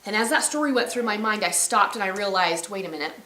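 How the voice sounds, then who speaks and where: A woman's voice: mid-range voice, a little fast, sharp tone, echoey room. A woman vlogging from her ranch, telling a story casually and rambling, often correcting herself. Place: outdoors on a ranch.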